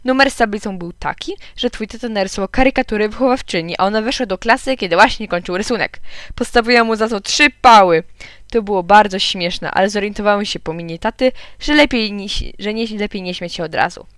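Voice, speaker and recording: A woman reading a children's storybook aloud in a lively way, narrating as a small boy. Her voice is smooth and resonant, and the recording is dry and close, with no room sound. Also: mid-range voice, brisk, dry recording. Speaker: audiobook reader. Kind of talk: children's audiobook narration, told as a young boy.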